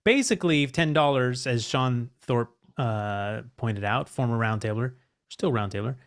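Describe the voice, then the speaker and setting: A man's voice: mid-range voice, a little slow. A man hosting a podcast roundtable, joking and steering the casual chat. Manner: chatty, joking, leads the discussion.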